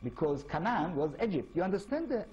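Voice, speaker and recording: Lively man with an Israeli accent. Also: high voice, a little fast, poor audio. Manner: lively, asks the audience rhetorical questions. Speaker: author giving a talk. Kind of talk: informal lecture in English.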